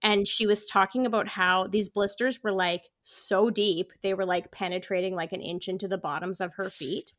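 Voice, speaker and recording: Bubbly animated woman telling stories. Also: moderate pace, few pauses, dry recording, clean studio sound. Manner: animated storyteller, acts out quotes with big pitch jumps, many "like" fillers. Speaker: podcast guest and running podcast host. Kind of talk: casual podcast interview.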